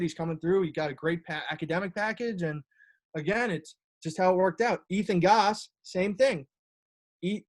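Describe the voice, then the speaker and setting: A young male assistant coach for a college lacrosse team chats casually over a video call, his voice fairly high. He rambles, with lots of fillers and restarts, and the audio has a video-call quality.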